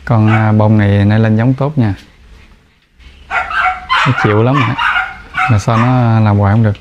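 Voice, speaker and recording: Man, Southern Vietnamese accent, casual vlog talk, dog kennel, clear background noise of dogs. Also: steady tone, unhurried, lo-fi sound. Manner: chatty, talks to the dogs in raised higher voice. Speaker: dog breeder. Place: indoor dog kennel with concrete floor. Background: dogs barking and moving about.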